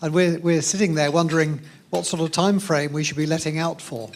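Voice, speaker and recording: Halting man asking an audience question. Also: on the high side, steady tone, slight background noise. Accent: Australian. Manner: halting, with fillers and repeats. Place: hotel function room.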